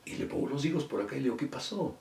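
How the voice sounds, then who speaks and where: A middle-aged man preaches a sermon as pastor, telling a story and acting out what the people in it said. His voice is mellow and dark. He is heard from a distance in an echoey church. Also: mid-range voice, animated, very fast, creaky, slight background noise. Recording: echoey room from far off.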